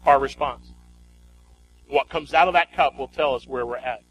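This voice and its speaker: A pastor with a medium-pitched, fairly bright voice preaches at a moderate pace, emphatic and exhorting, repeating phrases and putting rhetorical questions to his congregation. The recording is rough, with slight background noise.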